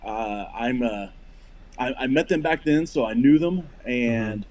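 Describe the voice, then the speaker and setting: A man in his forties from Missouri, a podcast guest talking in halting casual chat with many restarts. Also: mid-range voice, darkish tone. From Missouri, USA. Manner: hesitant, many fillers and restarts. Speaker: podcast guest, firearms company rep.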